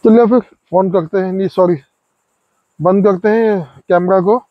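A high-voiced man in his forties talks in a relaxed, chatty way at a riverside campsite in a forest. The sound is dry and a little dull, picked up by a phone held close. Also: moderate pace, dry recording. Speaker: vlogger. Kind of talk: casual camping vlog narration. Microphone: phone camera held close.

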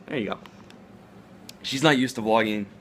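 A young man hosting a casual home vlog in an excitable, teasing manner, talking to a handheld camera indoors. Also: mid-range voice, normal speed, a little hiss or hum. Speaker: vlogger hosting a challenge video. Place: living room indoors at home. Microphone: handheld camera at arm's length.

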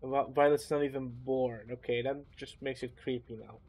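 A man's voice: mid-range voice, steady tone, normal speed, darkish tone. Young Dutch man swearing over game voice chat. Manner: blunt, swears a lot, mock outrage. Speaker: gaming channel host. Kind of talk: casual gaming chat.

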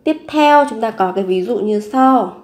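A woman's voice: fairly high pitch, lively intonation, moderate pace, a little mellow. Patient woman teaching grammar, echoey room. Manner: explains step by step, repeating example sentences. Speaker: Korean language teacher. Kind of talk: grammar lesson.

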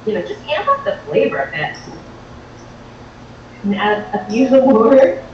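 Chatty and excitable, a high-voiced woman hosts a live cooking show, giving an informal demonstration in a home-style kitchen indoors at a somewhat slow pace. Her sound is distant and dull, with faint noise and a very echoey room.

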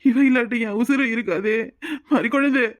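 A man's voice: very high-pitched, fairly quick. A man voicing a grieving old village husband. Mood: grief-stricken. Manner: wailing, tearful lament. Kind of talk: cartoon voice acting.

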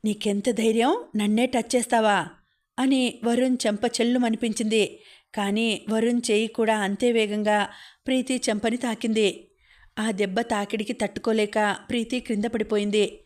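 A woman's voice: a little high, steady tone, normal speed, darkish tone. Woman narrating a novel. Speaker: audiobook narrator. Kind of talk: storybook narration.

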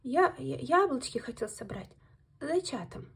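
A woman's voice: high voice, expressive, unhurried, creaky, breathy edge, voice pushed up, full character voice. A woman voicing a meek, stammering father hare in a storybook tale. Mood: timid.

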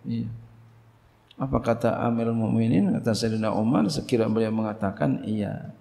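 A middle-aged man teaches a religious book lesson. His delivery is lively and theatrical, jumping sharply up in pitch to make a point. His voice sits at an ordinary middle pitch and trails off into a long hall reverb. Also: normal speed, vocal fry. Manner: animated, acts out quoted dialogue, big pitch leaps. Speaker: Islamic teacher.

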